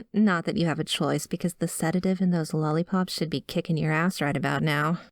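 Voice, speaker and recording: A woman with a low voice talks a little fast, close and dry with no echo, acting a chirpy, unsettling doctor in an ASMR roleplay addressed to the listener. The character is an awkward female doctor who's secretly an obsessive yandere stalker, smitten and possessive, breezy, cutesy and coaxing as she blithely shares grim news over a close studio mic.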